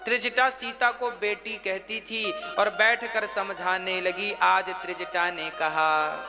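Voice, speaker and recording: High-voiced male preacher telling a sacred story. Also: steady tone, slow. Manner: dramatic, emotive, breaks into sung verse. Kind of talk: devotional storytelling sermon with chanted verse. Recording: instrumental music behind.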